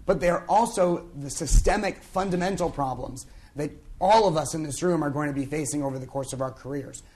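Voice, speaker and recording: Hoarse young man moderating a panel. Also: a little high, fairly quick, a little mellow. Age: young adult. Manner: conversational, with many fillers and restarts. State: hoarse, lost his voice. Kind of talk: conference panel introduction. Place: conference event on stage.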